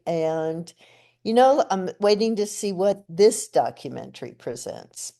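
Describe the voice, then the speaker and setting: A woman's voice: on the low side, very animated, unhurried, vocal fry, mellow. An older woman giving an interview in an informal, chatty way. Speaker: interview guest. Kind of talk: casual chat.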